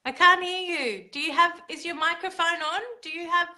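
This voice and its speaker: A woman's voice: extremely high pitch, bright, forceful tone, poor audio. A woman hosting an online women's circle on a video call, talking casually and hesitantly with many fillers and restarts. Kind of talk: casual online gathering talk.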